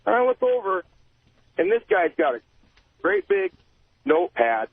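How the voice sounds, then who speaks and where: Trucker from Montana on a tinny phone. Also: male voice, high voice, huge pitch swings, measured pace, creaky, dry recording. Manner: casual, chatty storytelling. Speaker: caller, trucker. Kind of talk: phone-in anecdote. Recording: tinny phone line with faint hiss.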